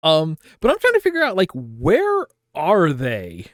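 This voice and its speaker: A chatty man with a fairly high voice, talking through an anime podcast episode and laughing easily between points. His delivery is loose and playful, and the recording is dry and close with no room sound. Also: huge pitch swings, measured pace, no room sound. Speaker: podcast co-host leading the episode discussion. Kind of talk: casual anime podcast chat.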